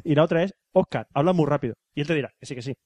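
A man with a Spain Spanish accent, co-hosting a podcast, playful and quick to jump in with jokes. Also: on the high side, a little mellow, dry recording. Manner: playful, jumps in with jokes and silly voices. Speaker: podcast co-host. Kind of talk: casual podcast banter.

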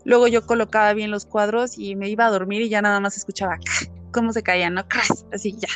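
A woman with a Mexican accent, telling a ghost story in a relaxed, chatty way, with many fillers, acting out what people said. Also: mid-range voice, quick pace, faint music behind. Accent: Mexican Spanish. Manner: animated, many fillers, acts out quotes. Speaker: guest telling ghost stories. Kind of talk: casual storytelling chat.

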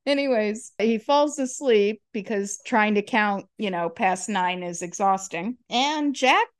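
A woman's voice: mid-range voice, measured pace. A woman co-hosting a podcast, chatting casually with wry, dry humor. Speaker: podcast co-host. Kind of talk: casual chat, recapping a TV episode.

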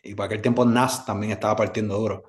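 A Puerto Rican man with a fairly low voice speaks as a guest on a casual interview. He talks in an easygoing, meandering way and leans on plenty of fillers. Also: fairly even intonation, fast, a crowd in the background. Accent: Puerto Rican Spanish. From Puerto Rico. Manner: easygoing, rambling, with many fillers. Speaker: musician guest.

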